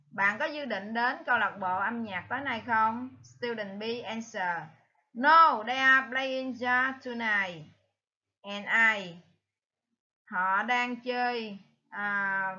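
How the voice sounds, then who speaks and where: Slow, bright-voiced woman teacher. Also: on the high side, lo-fi sound. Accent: Vietnamese. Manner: slow, deliberate, reads each answer word aloud. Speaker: English teacher. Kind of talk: exam review lesson.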